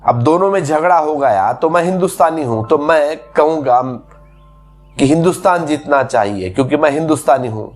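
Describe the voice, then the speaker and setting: A man's voice: fairly high pitch, expressive, normal speed, soft background music. Man giving a patient spiritual discourse. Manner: explains patiently with repeated everyday examples. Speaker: spiritual teacher.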